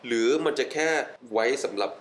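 A man's voice: mid-range voice, fairly quick, a little hiss or hum, low-quality recording. A young adult man talking casually as a podcast guest, enthusiastic, often laughing and repeating words for emphasis. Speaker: wellness guest. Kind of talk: casual interview chat mixing English.

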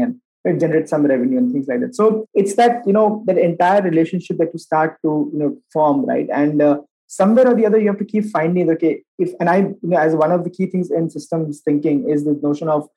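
A man's voice: a little high, warm tone, slightly rough, poor audio. A man with a North Indian accent giving conversational, explanatory interview answers and often tagging his points with "right?". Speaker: interview guest, social entrepreneur and designer.

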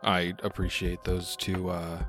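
Slow, deep-voiced male game master. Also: monotone, music in the background. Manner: hesitant, filler-heavy narration. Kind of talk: narrating a tabletop game.

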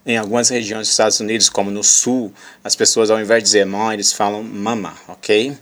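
A man hosting a podcast lesson, patiently explaining an English dialogue with many pauses and fillers, reading the English lines slowly and carefully. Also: on the low side, level tone. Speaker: English teacher.

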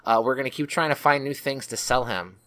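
A man's voice: mid-range voice, fairly quick, sharp tone. Man hosting with easy banter. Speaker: podcast host. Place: remote video call.

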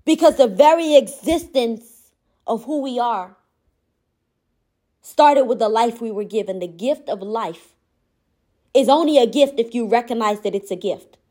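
Woman, high voice, impassioned motivational monologue, gentle but firm delivery. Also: expressive, measured pace, long pauses. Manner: impassioned, repetitive emphatic phrasing.

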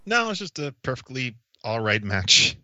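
A man's voice: medium pitch, sing-song, normal speed, sharp tone, no room sound, muffled recording. A man co-hosting a wrestling recap podcast in casual chat. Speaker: podcast co-host.

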